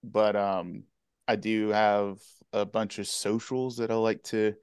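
Young man, casual interview guest, halting easygoing talk, dry close sound. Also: on the low side, flat delivery, a little mellow, clean tone, dry recording. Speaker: guest Twitch streamer and cosplayer.

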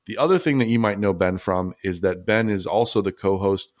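A man's voice: deep voice, fairly quick, no echo. A man hosting a podcast, casually introducing his guest with some fillers. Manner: warm, praising introduction with fillers. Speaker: podcast host.

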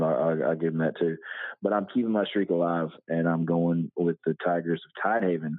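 A man's voice: deep voice, no room sound. A man giving casual sports talk as a football pundit, often repeating words and restarting, his voice tinny and metallic. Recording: dry, tinny phone-line sound.

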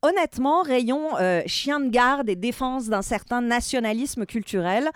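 A woman's voice: on the high side, a little slow, clear, resonant tone, no echo. Lady culture columnist, emphatic, laughs a lot, dry close mic. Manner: animated, laughs often, emphatic. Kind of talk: casual radio chat.

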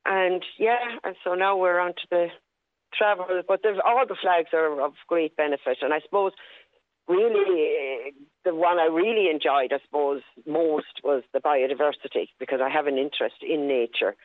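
A woman's voice: deep voice, moderate pace, no echo. A woman in her sixties with a west of Ireland accent, reminiscing in an interview over the phone. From Galway, west of Ireland. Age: 60s. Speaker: primary school teacher. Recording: tinny phone line.

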